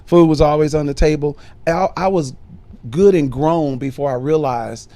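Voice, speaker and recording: The man's voice sits fairly high and sounds warm, moving at normal speed. As a middle-aged minister and bishop born in Chicago and brought up in Detroit, he walks through his life story in a casual podcast, with lots of fillers.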